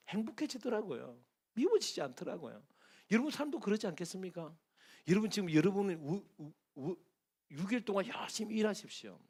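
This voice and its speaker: A middle-aged man, a pastor preaching a sermon who acts out quoted speech, swinging from loud to soft. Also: fairly high pitch. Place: church sanctuary.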